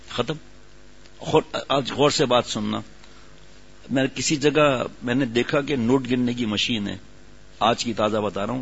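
A man's voice: medium pitch, breathy edge. A man preaching a sermon, telling a story and then urging his listeners on with growing emphasis. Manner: storytelling, rising to emphatic exhortation. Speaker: religious preacher. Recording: dull lo-fi sound.

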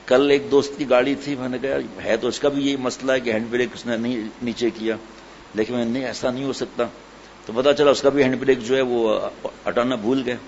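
A man's voice: mid-range voice, fairly even intonation, creaky. A man giving a sermon as a religious teacher, telling everyday stories and asking rhetorical questions. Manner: storytelling, folksy, rhetorical questions. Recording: slightly dull recording with faint noise.

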